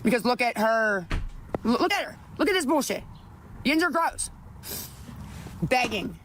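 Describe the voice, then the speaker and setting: A woman livestreamer in an upset rant, pleading one moment and cursing the next in a fairly high voice. Her talk is rough and profane, full of complaints and threats aimed at her viewers. A faint noise sits under the recording. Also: big pitch swings, measured pace. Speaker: livestreamer asking viewers for money.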